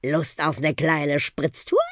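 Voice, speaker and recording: A woman's voice: sits low, steady tone, takes it slowly, dry recording, clean studio sound. A woman voicing a cheerful, show-off old male talking bus in a children's audiobook. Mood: cheeky. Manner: cheerful, show-off, breathless boasts.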